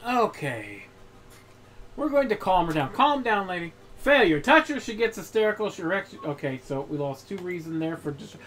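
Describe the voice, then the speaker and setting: Lively bright-voiced man streaming a game. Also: high-pitched, normal speed. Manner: reads game text aloud, swears, joking. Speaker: streamer playing a horror game. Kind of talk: casual game commentary.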